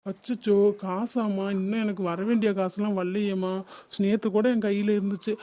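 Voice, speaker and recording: Cartoon, man voicing evasive brother, high voice, quick, monotone. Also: lightly acted. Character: stingy adult brother, male, evasive. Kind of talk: cartoon family drama.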